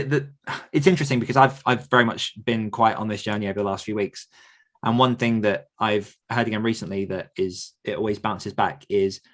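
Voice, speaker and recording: An author coach with a voice on the low side answers questions in a conversational way. He's earnest and reflective, and he often circles back to put things another way.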